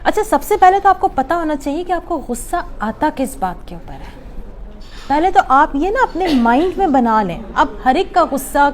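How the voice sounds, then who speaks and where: A woman psychologist leads a workshop in a club hall, speaking in a fairly high voice. She explains things patiently and takes questions from the audience, mixing English words into her talk. A faint room ambience sits behind her. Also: a little hiss or hum. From Pakistan.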